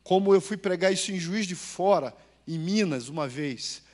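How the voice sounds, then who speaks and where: A Brazilian man preaching a sermon as pastor in a church, telling stories, asking the congregation questions and swinging between loud and hushed. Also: high-pitched, expressive, moderate pace. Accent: Brazilian Portuguese.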